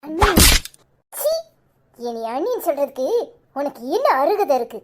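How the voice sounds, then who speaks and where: A woman's voice: sits high, very animated, moderate pace, dark tone. A woman with a Kanyakumari Tamil accent voicing a distraught young wife who pleads and scolds in a cartoon. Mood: furious. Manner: pleading, then harsh scolding. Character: distraught young wife, fierce when angered. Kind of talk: cartoon voice acting.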